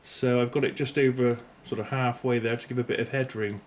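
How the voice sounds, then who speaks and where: This video host, a middle-aged British man, reviews gear in a loose, off-the-cuff way, wandering and hesitant, frequently catching and fixing his own words. He speaks briskly at a medium pitch with fairly even intonation. The recording carries clear background noise and room ambience.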